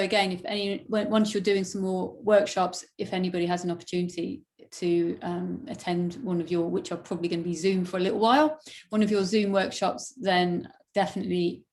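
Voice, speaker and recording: A woman's voice: fairly low pitch, a little mellow. A woman hosting a recorded call interview, praising her guest at length in a rambling, effusive way. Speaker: podcast host. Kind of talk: warm interview wrap-up.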